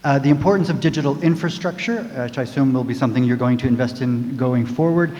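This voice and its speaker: A man moderating a panel discussion, briskly recapping points and handing over to the next speaker. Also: mid-range voice, dark tone. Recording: dull, reverberant hall sound.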